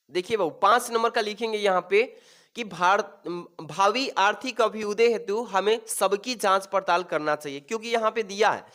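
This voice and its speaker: A man's voice: sits high, a bit bright. A man teaching an exam-prep lesson, calling his students "babu" and repeating each question to reassure them.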